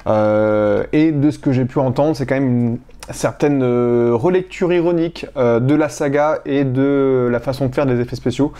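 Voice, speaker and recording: A man's voice: medium pitch, moderate pace, warm tone, clean tone. A man from France talks through his film collection in a casual vlog, hesitant, with many fillers and restarts. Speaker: collector showing his purchases.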